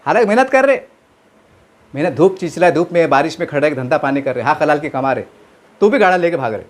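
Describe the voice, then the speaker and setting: A man's voice: fairly high pitch, expressive, quick pace. A man giving impassioned political commentary, asking rhetorical questions and answering them himself.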